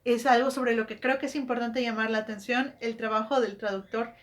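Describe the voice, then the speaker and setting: A woman's voice: a little high, fairly even intonation, brisk. A woman hosting a book channel, talking casually in a chatty way, correcting herself and asking rhetorical questions. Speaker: book vlogger. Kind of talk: casual explanatory monologue.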